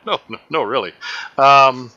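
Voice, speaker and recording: Bright forceful guy running a goofy panel chat, laughs a lot, trips over words. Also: medium pitch, animated, slow, highs cut off. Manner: laughs often, stumbles and restarts. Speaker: host of a live movie commentary show. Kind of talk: casual joking panel chat.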